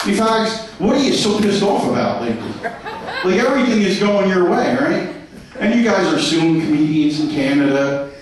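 A man doing a crude, brash stand-up set on a comedy club stage. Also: high-pitched. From New York. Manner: crude, brash punchlines to a laughing crowd. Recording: echoey club heard from a distance.

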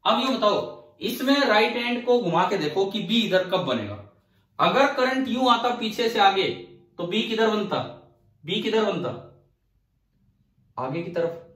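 High-voiced male teacher in an echoey room. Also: lively intonation, unhurried, pauses often, a bit bright, far from the mic. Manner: asks the class questions and answers them himself; repeats key phrases to drive points home. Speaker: physics teacher. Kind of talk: classroom physics lecture.

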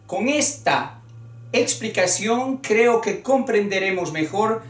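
Super slow deliberate teacher, counting syllables out, kinda far from the mic, roomy echo. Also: mid-range voice, expressive. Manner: deliberate, spells out syllables one by one. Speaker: Spanish teacher. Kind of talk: spoken grammar lesson. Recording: echoey room, voice away from the mic.

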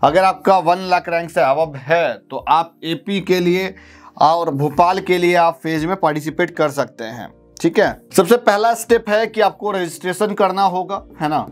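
A man in his thirties explaining a step-by-step process to students in a teaching video, often checking in with a quick question. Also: sits high, faint music behind. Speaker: counselling guide. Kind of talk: explanatory lesson. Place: studio with blackboard.

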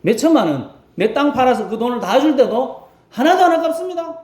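A man's voice: very high voice, fairly quick. A male rural pastor preaching a Sunday sermon, asking his congregation questions as he goes. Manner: animated preaching, asks the congregation questions and acts out voices. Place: church sanctuary. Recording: roomy church echo.

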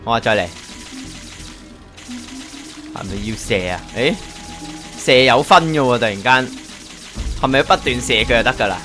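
A man's voice: medium pitch, lively intonation, moderate pace, pauses often, pushed and bright, soft background music. A man with a Hong Kong Cantonese accent giving a casual, chatty game walkthrough, thinking aloud as he plays. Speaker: gaming YouTuber.

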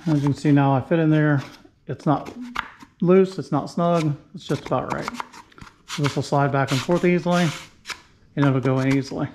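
A middle-aged man talks through his woodworking steps in a casual, matter-of-fact way, his voice sitting a little high for a man. The home garage shop rings around him, and a faint hum of noise runs under the sound. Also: steady tone, moderate pace, pauses often, roomy sound. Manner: plain-spoken, step-by-step, talks through each move as he works. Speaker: woodworking channel host. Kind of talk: casual how-to narration while working.

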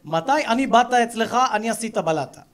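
A man's voice: very high-pitched, lively intonation. Man doing a worker in broken grammar. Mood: explaining. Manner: broken grammar, slow insistent explaining. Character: worker in broken Hebrew, muddled.

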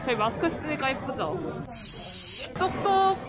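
A woman's voice: sits high, expressive, unhurried, very noisy. A young woman in her twenties hosting a casual food vlog, chatting playfully and teasing her friend while speaking through a face mask. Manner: playful, teasing, greets viewers brightly. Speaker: vlog host, group member. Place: crowded food spot while waiting in line. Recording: loud crowd and music behind. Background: crowd chatter and music.

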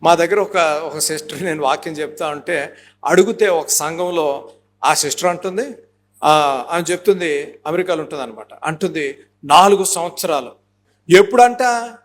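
A man's voice: on the high side, moderate pace, long pauses, slight background noise. A man in his fifties preaching a sermon as pastor, emphatic and driving, slipping English phrases into his talk and acting out little dialogues.

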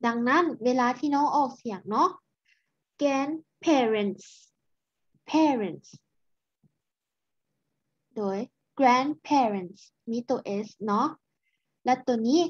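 A woman's voice: on the high side, no room sound. A woman teaching English online, patiently correcting pronunciation over a video call. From Laos. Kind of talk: online tutoring. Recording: muffled video-call audio.

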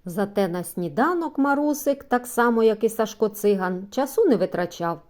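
A woman reads a children's story aloud with an animated, rising and falling voice. Her tone is mellow and warm, and she lifts her voice to give the characters life. It is a steady, scripted audiobook narration. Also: fairly high pitch. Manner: lively, expressive reading with voiced dialogue.

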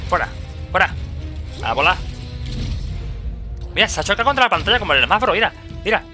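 Man, Spain Spanish accent, excitable streamer, fairly high voice, faint music behind. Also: a little fast. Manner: excitable, swearing, reads chat aloud. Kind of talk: casual gameplay commentary.

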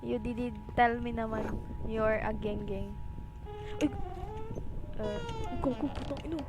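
A young Filipino woman commenting on a horror game, swearing and reacting loudly when startled. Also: on the high side, slow pace, noisy background. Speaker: gaming streamer.

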